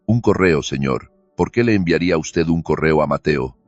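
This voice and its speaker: A man's voice: a bass voice, normal speed, no room sound. A man voicing a shaken young woman lawyer whose husband has just died, speaking with a tense, trembling restraint. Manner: tense, shaky, flat even when upset. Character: anxious young woman lawyer, newly widowed. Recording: dull lo-fi recording with faint music.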